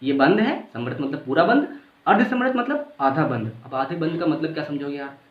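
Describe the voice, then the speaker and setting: Lively man teaching grammar in an echoey room. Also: fairly high pitch, moderate pace. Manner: casual, repeats points, checks understanding; sounds out vowels aloud. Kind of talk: grammar lesson. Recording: echoey room, dull lo-fi sound.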